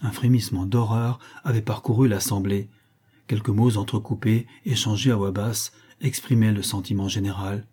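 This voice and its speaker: Male audiobook narrator, dark mellow tone, slightly husky, measured expressive storytelling. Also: fairly low pitch.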